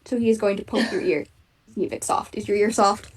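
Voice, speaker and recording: A woman narrating a tabletop game as game master, describing scenes with halting fillers. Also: medium pitch, breathy edge. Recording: distant mic. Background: faint background music.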